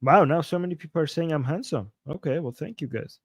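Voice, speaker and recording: Reading chat aloud on a casual livestream, a man in his 40s chuckles, jokes, and frequently repeats himself as he reacts. He talks fast in a fairly high, husky voice, and the recording is dry.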